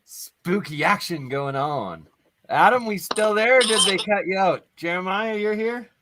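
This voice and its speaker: A man's voice: high-pitched, lively intonation, measured pace, bright, forceful tone. A man co-hosting a casual livestream, welcoming guests and agreeing along. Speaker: livestream co-host.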